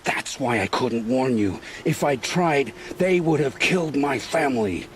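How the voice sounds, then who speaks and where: Lightly acted with lively intonation, this medium-pitched male performance portrays a fearful, worn-down scrounger who informs in a video game drama. His storytelling comes out halting, bleak, and folksy, colored by weariness and regret.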